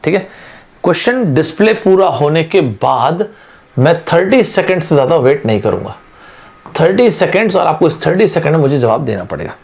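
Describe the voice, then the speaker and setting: A male teacher gives an online exam-prep lesson in a fairly high voice. He talks to his students in a chatty, friendly way and mixes English terms into his explanations. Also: very animated, normal speed, darkish tone. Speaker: aptitude teacher.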